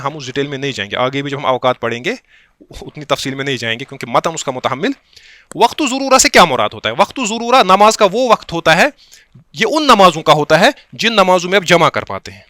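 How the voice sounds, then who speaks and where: Male instructor from Kashmir, clear bright tone, dry close sound, steady classroom delivery with patient glosses. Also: fairly high pitch, dry recording. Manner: explains slowly, reads Arabic text then glosses it, checks understanding with the class; quotes lines slowly and deliberately. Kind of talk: classroom lecture on a religious text.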